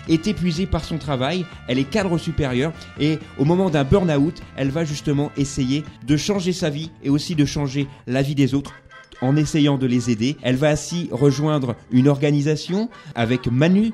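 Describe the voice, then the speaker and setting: A man's voice: fairly high pitch, darkish tone. A man hosting a radio film review, chatty and upbeat, with frequent hesitations. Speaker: radio film columnist and host.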